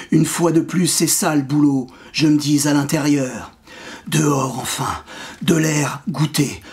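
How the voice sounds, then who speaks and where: A poet reading his own poem aloud with a measured, rhythmic delivery. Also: fairly high pitch. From France. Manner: measured, rhythmic recitation with wordplay. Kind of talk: poetry reading.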